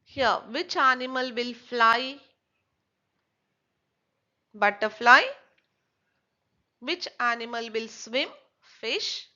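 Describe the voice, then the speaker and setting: A woman, teaching a children's textbook lesson slowly and asking and answering her own questions. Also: fairly high pitch, sharp tone, muffled recording.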